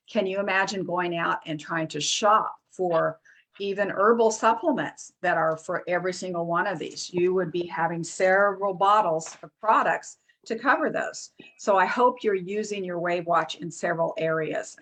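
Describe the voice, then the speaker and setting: A woman presenting a product in a casual, halting way, with many fillers and restarts, reading lists off a screen. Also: on the low side, fairly bright tone. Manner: reads lists aloud off a screen.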